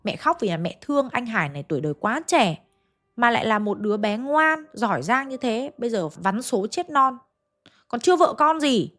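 Chatty woman telling a ghost story, talks right to you, fairly high voice, soft music behind. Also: big pitch swings, moderate pace. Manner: chatty, addresses listeners directly. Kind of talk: conversational storytelling. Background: faint background music.

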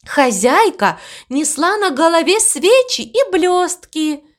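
A woman voicing a calm, motherly cow in a storybook reading, coaxing and patiently explaining. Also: very high-pitched, takes it slowly, pitched above the performer's own voice, heavily acted.

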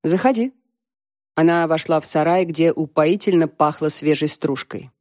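Measured female audiobook narrator, mellow and dry close-mic read. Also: deep voice, little pitch movement, no room sound. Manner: measured storytelling. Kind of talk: scripted narration.

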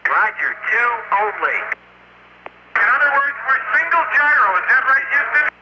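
A man's voice: very high-pitched, big pitch swings, moderate pace, pushed and bright. A man speaking as an astronaut on a crackly space-to-ground radio link, reading back figures in clipped radio procedure. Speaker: astronaut aboard the space station. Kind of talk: air-to-ground radio exchange. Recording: muffled noisy archival radio transmission.

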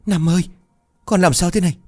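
A man's voice: moderate pace, no echo, soft background music. A man voicing a frail old village mother who cries out in terror after a nightmare, in a ghost story reading. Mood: panicked. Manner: shrill, frantic cries.

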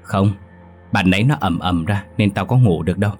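A man's voice: deep voice, brisk, darkish tone, faint music behind, close to an everyday voice. A man voicing a jumpy young lodger. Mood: uneasy.

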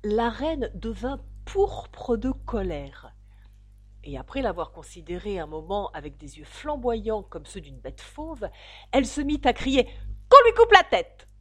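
A woman narrating a classic children's story in an expressive, dramatic reading style. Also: medium pitch, a little slow, breathy edge. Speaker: audiobook narrator.

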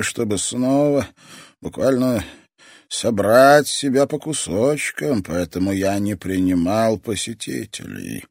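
A man voicing a frail, sinister old toy master who talks slowly and grows weaker as he goes. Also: mid-range voice, darkish tone, no room sound, clean studio sound, pitched above the performer's own voice. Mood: wry, weakened. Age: older.

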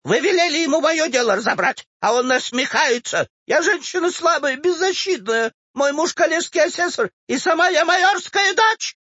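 Squeaky whiny old lady nagging nonstop, man doing the voice, swoops all over. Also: expressive, normal speed, few pauses, pushed and bright, no echo, highs cut off, exaggerated voice. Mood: pleading shrill. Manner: whining, insistent, self-pitying. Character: shrill pushy old woman petitioner.

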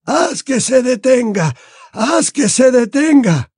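A man's voice: sing-song, mellow, slightly rough, dry recording, studio quality, exaggerated voice. Dumbledore, a man voicing a frail old wizard. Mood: terrified, begging. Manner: slow, high, wailing pleas. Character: frail elderly male wizard headmaster, pleading. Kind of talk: audiobook character voice.

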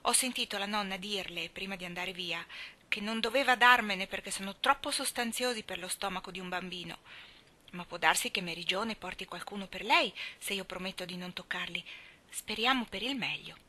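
Earnest little schoolboy, solemn and worried, bright clear voice, read by a woman. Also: medium pitch, brisk. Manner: solemn, anxious, talks like a grown-up. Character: earnest, thoughtful young schoolboy. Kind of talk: audiobook character reading.

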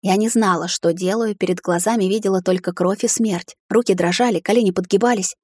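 Brief: female audiobook narrator, first-person fantasy, mid pitch, dry close mic. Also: steady tone, a little fast, a little mellow, breathy edge, dry recording.

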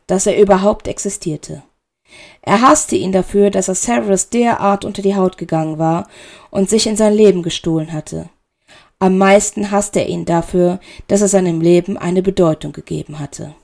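A woman narrates an audiobook story with a slow, measured, dramatic delivery. Her voice carries a gravelly edge at a middle pitch. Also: darkish tone. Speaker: reader. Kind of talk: audiobook narration of fan fiction.

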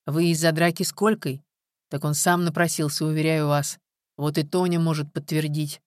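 A man's voice: on the high side, level tone, moderate pace, no room sound, studio quality, lightly acted. The narrator voicing a young man who speaks in an annoyed, defensive way. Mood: irritated.

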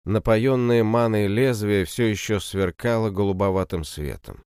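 Male audiobook narrator, low voice, steady first-person fantasy read, dry close sound. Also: moderate pace, smooth, no echo.

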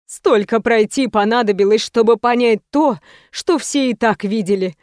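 A woman voicing an emotional, warm-hearted middle-aged mother in an audiobook. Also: on the high side, normal speed, dry recording, clean studio sound, close to an everyday voice. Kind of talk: audiobook reading.

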